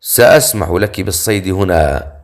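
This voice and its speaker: A man's voice: low voice, normal speed. A man voicing a stern male master of the forest in an audiobook, speaking with cold, curt warnings.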